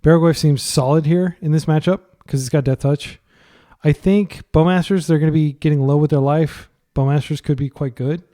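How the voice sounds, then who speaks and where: With a mellow voice on the higher side, a young gaming commentator chats his way through a card game, thinking aloud and dropping fillers as he plays.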